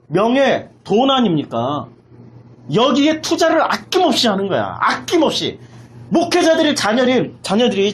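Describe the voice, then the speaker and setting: A pastor with a medium-pitched voice delivers an impassioned sermon in a raised voice, emphatically repeating phrases and posing rhetorical questions.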